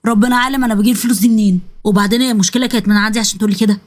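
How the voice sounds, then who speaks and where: Lady doing a fed-up egyptian husband, lower voice, yelling fast, sick of it all. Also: fairly even intonation, lightly acted. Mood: furious. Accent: Egyptian Arabic. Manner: shouting complaints. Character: fed-up husband, middle-aged, angry and worn out.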